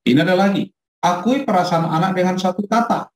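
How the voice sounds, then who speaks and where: A middle-aged man, a pastor, teaching a parenting class in a lively way and acting out quotes from his child. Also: high-pitched, a little fast. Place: church hall. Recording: echoey room.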